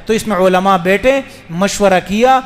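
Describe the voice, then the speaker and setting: A man's voice: sits high, big-room sound. A man giving a religious lecture as a mufti, questioning his listeners and explaining rules patiently. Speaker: mufti preacher.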